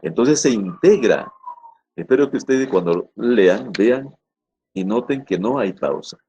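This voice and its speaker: A man's voice: on the low side, lively intonation, warm tone, highs cut off. A middle-aged man teaching a recorded grammar lesson, repeating and rephrasing his points and checking often that his students follow. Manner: deliberate, stresses key words.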